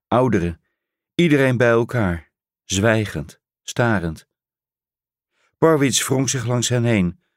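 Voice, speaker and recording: A man narrates an audiobook in a slow, unhurried, deliberate way, letting each phrase settle. His voice sits a little low and the recording is close and dry, with no room sound. The reading is measured and solemn. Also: no echo.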